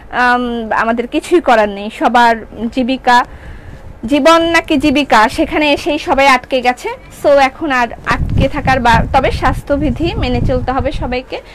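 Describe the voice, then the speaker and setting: A woman with a Bangladeshi Bengali accent shows off her clothing line on a live sales stream, her voice high and a bit bright over a faint hiss or hum. She's the shop owner, chatting away, reading viewer comments aloud and mixing in English words.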